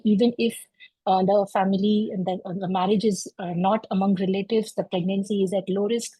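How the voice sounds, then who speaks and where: Husky woman lecturing over a video call. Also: medium pitch, darkish tone, dry recording, low-quality recording. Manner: measured, explanatory, with frequent uh fillers. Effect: heard over a video call. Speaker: clinical geneticist presenting a webinar lecture. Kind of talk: medical lecture. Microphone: computer mic on a video call.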